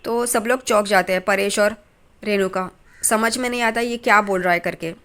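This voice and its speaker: A woman's voice: medium pitch, fairly even intonation, normal speed, fairly bright tone. A woman casually retelling a TV serial episode, speaking in plain storytelling with small restarts and reading lines of dialogue aloud. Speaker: TV serial recap narrator. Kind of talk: casual spoken episode recap.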